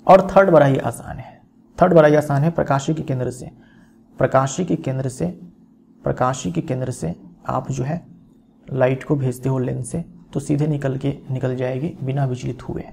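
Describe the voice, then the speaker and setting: A man's voice: medium pitch, steady tone, normal speed, creaky, a little mellow, slight background noise. A male teacher explaining a physics lesson, repeating key phrases and checking in with his students as he goes.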